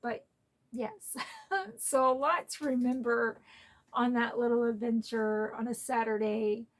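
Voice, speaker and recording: A woman's voice: fairly high pitch, fairly even intonation, a little slow. A woman vlogging a casual haul in a chatty, rambling, heartfelt way.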